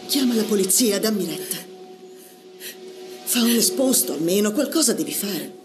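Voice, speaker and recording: A woman's voice: mid-range voice, lively intonation, moderate pace, over music, lightly acted. Actress as an insistent, concerned woman friend. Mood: urging. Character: insistent, concerned female friend urging action. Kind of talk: naturalistic film drama.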